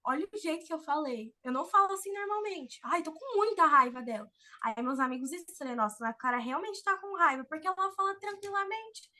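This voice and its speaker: A woman giving an informal online talk on public speaking, expressive and acting out the voices she quotes. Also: extremely high pitch, fairly quick, hardly any pauses.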